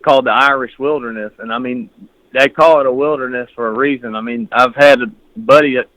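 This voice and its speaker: A man's voice: mid-range voice, fairly even intonation, a little fast, a bit bright, no echo. A man, heard over a clipped phone line, chatting casually as a guest and rambling through stories in an easygoing way. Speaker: guest hunter. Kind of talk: casual chat. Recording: narrow phone-line sound.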